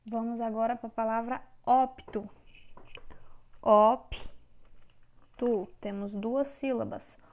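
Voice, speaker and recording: Slow, mellow woman teacher. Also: fairly high pitch, steady tone. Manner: slow, clear syllable-by-syllable dictation. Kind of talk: online Portuguese grammar lesson.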